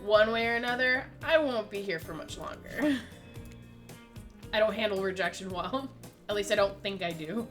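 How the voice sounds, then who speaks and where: A woman's voice: medium pitch, normal speed, faint music behind, lightly acted. Lady reading as a grumpy brooding killer, sarcastic, pretends not to care. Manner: sarcastic rhetorical questions. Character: brooding angry killer, denies caring, self-serious. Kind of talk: dramatic game dialogue reading.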